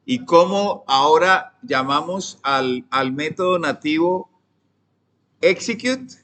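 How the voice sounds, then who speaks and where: A young Colombian man leading a live coding lesson at an unhurried, deliberate pace, his voice sitting a little high for a man. He keeps asking his students what comes next and dictates the code bit by bit, often letting his sentences fade off quietly. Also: lively intonation. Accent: Colombian Spanish. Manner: often trails off softly. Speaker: programming teacher.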